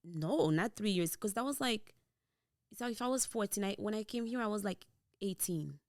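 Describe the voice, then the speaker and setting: On a boom-mounted studio microphone, a young Haitian woman shares her story in a laid-back podcast interview, her Haitian Creole accent clear as she shifts into Creole mid-sentence. She talks at a moderate pace, and there's no echo.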